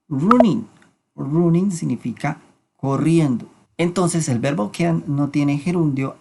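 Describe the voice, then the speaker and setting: An English teacher explaining grammar in a lesson, repeating words slowly to model pronunciation and alternating explanations with spoken examples. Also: medium pitch, mellow.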